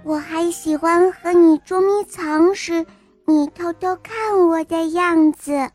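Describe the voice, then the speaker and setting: A woman's voice: extremely high pitch, slow pace, darkish tone, faint music behind, voice pushed up. A woman voicing a sweet, affectionate little bunny child in a storybook, cooing and childlike.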